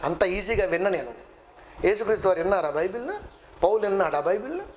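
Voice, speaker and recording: A man's voice: high voice, lively intonation, fast. A man preaching a sermon, blunt and colloquial, driving his points home with rhetorical questions. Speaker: preacher and bible college director.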